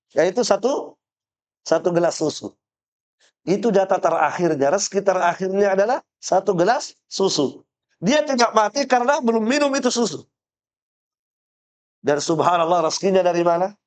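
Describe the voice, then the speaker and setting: A man giving a religious study lecture, his voice sitting fairly high for a man. He tells stories with acted-out voices and keeps checking with listeners whether they follow. He repeats phrases to drive the point home. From Indonesia. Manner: storytelling, acts out quoted voices, asks listeners "paham?"; explanatory, repeats phrases for emphasis. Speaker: Islamic teacher.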